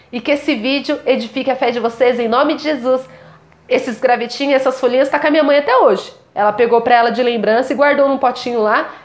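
High-voiced young Brazilian woman storyteller. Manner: animated, acts out quoted voices with big pitch jumps. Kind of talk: casual testimony storytelling.

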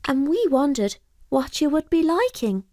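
A woman's voice: high voice, very animated, a little slow, darkish tone, dry recording, studio quality, pitched above the performer's own voice. A woman voicing a brave young male servant who speaks politely and earnestly.

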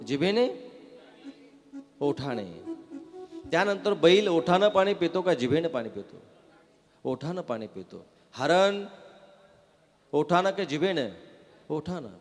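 A man preaches a devotional katha, his high voice swinging widely as he coaxes the crowd to answer. His voice rings with a long hall reverb, and soft instrumental music plays faintly beneath. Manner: lively, coaxing the crowd to answer back. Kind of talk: devotional sermon to a live audience.

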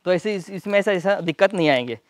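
Fast-talking man demoing a machine. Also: high voice, lively intonation, no echo. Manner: rapid, hands-on explaining while demonstrating. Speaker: product reviewer. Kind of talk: casual product demo and review.

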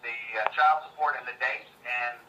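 A man's voice: mid-range voice, steady tone, moderate pace, pushed and bright. A man on a phone call, heard through a speaker and re-recorded from the room, speaking in an apologetic, placating way and stammering on restarts. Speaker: mortgage lending executive. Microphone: phone speaker picked up by another recorder. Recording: muffled distant speakerphone with faint hiss.

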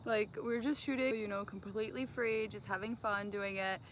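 A woman's voice: medium pitch, steady tone, normal speed, a bit bright, slight background noise. A woman chatting casually in a behind-the-scenes vlog, upbeat and full of "like". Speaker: model and vlogger. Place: outdoors in woods and a car.

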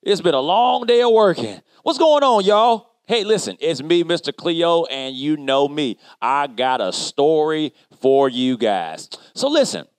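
A man playing an upbeat construction worker who tells a Bible story to children in an animated, chatty way. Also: a little high, a little slow, few pauses, smooth, dry recording. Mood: lively. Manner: animated, chatty, addresses kids directly. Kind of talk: kids' Bible lesson storytelling.

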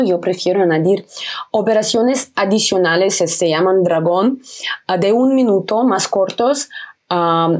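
A young woman hosts a casual screen-recorded trading tutorial from home, with a webcam in the corner. Her medium-pitched voice is a little mellow with a breathy edge. She explains the steps simply, repeating herself and making small self-corrections.

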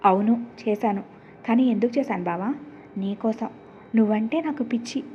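A woman's voice: a little high, moderate pace, highs cut off, a little hiss or hum, natural voice. A woman voicing a stubborn, possessive young woman who pleads with her cousin and then defies him. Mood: pleading. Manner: pleading, then defiant and arrogant.

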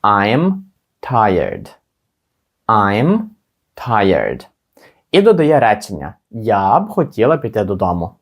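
A man teaching an English lesson. He slows right down to model each English phrase, then explains quickly. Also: fairly low pitch, huge pitch swings. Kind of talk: language lesson.

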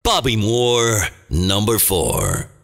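Gravelly movie-trailer announcer calling bingo. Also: male voice, big pitch swings, heavily acted. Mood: dramatic, portentous. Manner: theatrical, deliberate, clipped phrases. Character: booming, dramatic male movie trailer announcer. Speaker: bingo caller. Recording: long booming reverb.

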